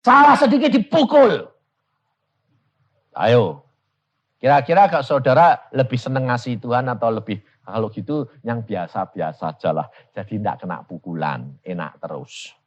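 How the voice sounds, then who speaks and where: A man's voice: lowish voice, normal speed. A man preaching a storytelling sermon, acting out dialogue and addressing the congregation directly. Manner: animated, acts out dialogue, addresses congregation as "saudara". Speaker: evangelist preacher. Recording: dull lo-fi sermon recording.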